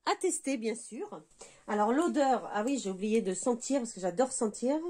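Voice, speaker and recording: A woman's voice: on the high side, moderate pace, dark tone. A middle-aged woman from France chatting casually as she unboxes beauty products, full of enthusiastic exclamations. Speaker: beauty vlogger.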